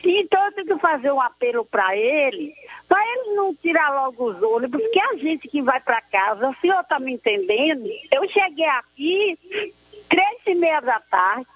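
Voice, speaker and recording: A very high-voiced woman phones into a radio show, earnest, effusive and devout, wandering from point to point. Her voice comes through a narrow, tinny phone line. The sound is dry and close, with no room around it. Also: big pitch swings, moderate pace, dry recording. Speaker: caller. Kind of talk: emotional call-in complaint.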